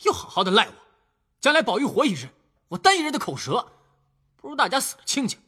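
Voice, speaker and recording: An actor playing a hot-headed, blunt and quarrelsome young man in an audio drama, loud and blustering with a husky edge. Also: extremely high pitch, very animated, fast talker, heavily acted. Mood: angry.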